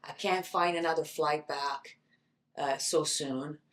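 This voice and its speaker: Animated Italian woman telling stories. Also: sits low, slow pace. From Italy. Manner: animated, acts out quoted dialogue, laughs often. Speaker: guest, actress and model. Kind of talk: casual interview storytelling. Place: podcast studio. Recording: roomy echo.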